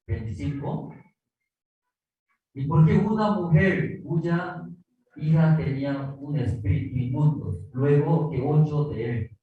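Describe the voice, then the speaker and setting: A man's voice: on the high side, phone-quality sound. A man from South Korea with a Korean accent, preaching a sermon in simple, repetitive Spanish full of rhetorical questions. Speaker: pastor. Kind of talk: sermon with Bible reading. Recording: distant echoey online service audio.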